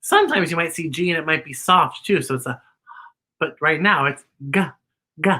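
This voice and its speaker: Hosting story time for kids, a woman speaks in a low voice at normal speed, pushed and bright with a breathy edge. She's theatrical and exclamatory, with drag-style campy sass and occasional singing.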